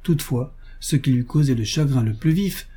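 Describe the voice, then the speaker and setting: A man reading a story aloud in a measured, even narration. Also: medium pitch, slightly rough. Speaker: audiobook reader. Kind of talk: scripted narration.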